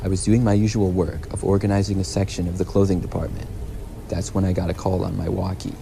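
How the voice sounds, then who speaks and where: A man narrating a scripted first-person story in a measured, plain storytelling delivery. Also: low-pitched, level tone, creaky, background noise. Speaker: narrator of horror stories.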